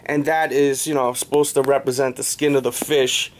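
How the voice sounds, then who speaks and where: An American man in his thirties hosts a casual sneaker review vlog in a small indoor room, standing a few steps from the camera and firing off slangy hype-man patter and catchphrases. His mid-range voice has little pitch movement and a moderate pace, with a little hiss or hum in the audio.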